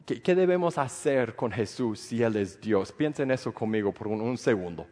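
A man's voice: mid-range voice, expressive, normal speed, warm tone, long reverb tail. A man preaching a sermon as pastor, earnest and full of rhetorical questions.

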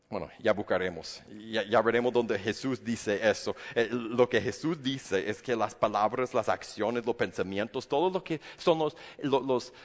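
A man's voice: medium pitch, in a large hall. A man preaching a sermon as a pastor, in a conversational way with frequent restarts, sometimes acting out the voices of others. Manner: conversational, many restarts, acts out quoted voices.

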